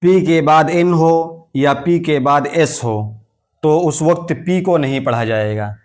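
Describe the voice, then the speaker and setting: A man teaching English pronunciation rules in a slow, methodical classroom style, saying each example word twice before explaining it. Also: on the high side, a little mellow. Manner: uses Urdu-flavored terms for rules and letters.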